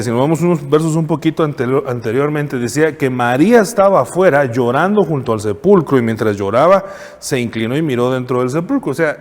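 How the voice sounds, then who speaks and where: A man with a Guatemalan Spanish accent preaching a sermon as a church elder, in a conversational way that keeps turning questions to the congregation. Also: medium pitch. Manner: conversational, asks the congregation questions, frequent restarts. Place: church sanctuary. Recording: long church reverb.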